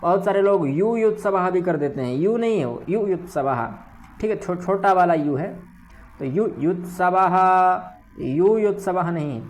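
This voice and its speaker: A man teaching Sanskrit recitation, saying verse words slowly and correcting how each sound is pronounced, often checking in with "ठीक है". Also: high voice, expressive, darkish tone. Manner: slow, careful pronunciation drills. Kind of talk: recitation lesson.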